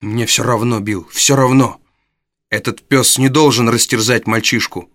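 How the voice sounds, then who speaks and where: A man's voice: mid-range voice, fairly even intonation, unhurried, dry recording, studio quality. A man voicing a fierce young woman thief who cries out and defies her gang. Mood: pleading shouts. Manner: shouting, pleading, defiant.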